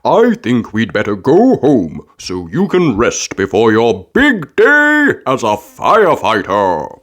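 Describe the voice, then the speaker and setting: A woman voicing a genial, cautious father pig in a children's storybook, with drawn-out, reassuring phrases. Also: rumbling low, huge pitch swings, exaggerated voice. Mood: gently cautioning.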